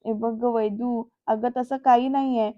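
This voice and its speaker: Lady doing a weepy loving auntie, high voice, flat lo-fi sound. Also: measured pace, close to an everyday voice. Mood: tearful. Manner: emotional, pleading. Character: tearful, affectionate middle-aged aunt from a TV serial. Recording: dull lo-fi, dry room.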